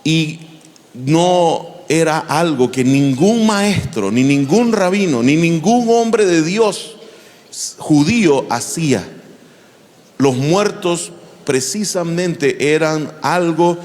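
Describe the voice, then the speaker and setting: A man preaching a sermon in an animated style, with a fairly high voice. He often turns to the congregation with questions. His voice rings out with a long reverb, as if recorded in a large church hall. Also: slow. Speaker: pastor.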